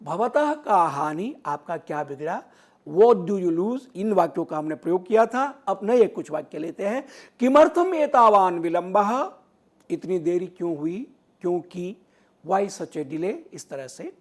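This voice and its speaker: Middle-aged male language teacher, higher-pitched voice, patient lecture delivery that leans hard on key words. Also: expressive, unhurried. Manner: explains patiently, repeats phrases in three languages. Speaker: Sanskrit teacher. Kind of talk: educational lecture.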